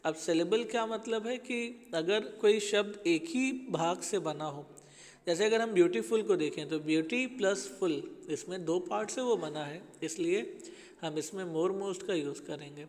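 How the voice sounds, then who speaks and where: High-voiced man teaching English grammar. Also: a little slow, a little mellow, long reverb tail. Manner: explains patiently, addresses pupils as children. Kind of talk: classroom grammar lesson.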